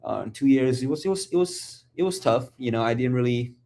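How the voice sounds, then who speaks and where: A gravelly, mid-range male voice, slightly quick, belongs to a Malaysian man in his twenties appearing as a guest on a podcast. He's a sports photographer, relaxed and chatty in casual conversation, and he repeats words while searching for the right ones.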